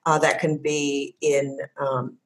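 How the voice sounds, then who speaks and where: A woman hosting a podcast, with a hoarse, croaky voice today, asking questions and explaining terms with lots of fillers. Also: sits low, little pitch movement, takes it slowly, poor audio. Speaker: podcast host. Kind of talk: casual interview chat.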